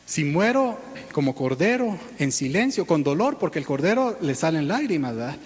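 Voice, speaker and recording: A man, preaching a sermon in a relaxed, talky way. He clears his throat often and keeps tagging his points with little check-in questions. His voice rings out with a long reverb from the church hall. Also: on the high side, moderate pace. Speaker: pastor. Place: church sanctuary.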